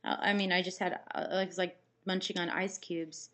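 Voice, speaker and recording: A woman's voice: fairly low pitch, flat delivery, moderate pace, a bit bright. A woman with a dry mouth, recovering after surgery, chatting casually to camera in a rambling, anecdotal way. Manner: rambling, anecdotal, acts out quoted exchanges. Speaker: vlogger. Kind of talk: casual chat to camera, personal storytelling.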